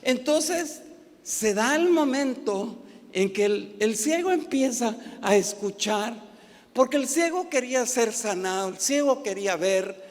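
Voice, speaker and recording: A pastor with a Guatemalan accent preaching a sermon in a church, impassioned, swelling toward shouting. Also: male voice, sits high. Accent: Guatemalan Spanish. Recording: reverberant church hall.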